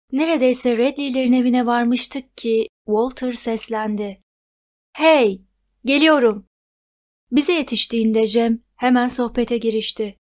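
A woman's voice: a little high, darkish tone. Woman narrating a novel, lo-fi. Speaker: audiobook narrator. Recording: dull lo-fi recording.

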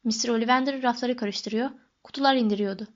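A woman reading an audiobook as narrator, with even, measured storytelling. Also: on the high side, lo-fi sound.

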